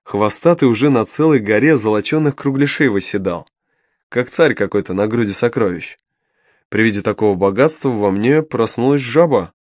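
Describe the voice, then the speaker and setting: A man's voice: on the low side, normal speed, no echo, studio quality. A man narrating an audiobook in the first person, with a wry, ironic storytelling manner.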